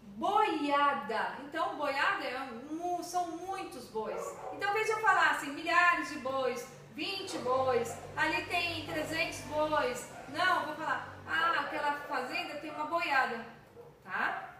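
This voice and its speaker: This grammar lesson for children comes from a woman with a Brazilian Portuguese accent who explains patiently and checks in often. Her high voice has lively intonation and a slightly slow pace. There's background noise, traffic outside her home room, heavy echo, and she's far from the mic.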